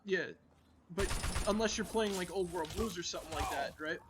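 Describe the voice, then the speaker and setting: A man's voice: sits high, moderate pace, noisy background. A man streaming a game, chatting casually and rambling with lots of filler words and restarts. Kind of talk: casual gaming chat.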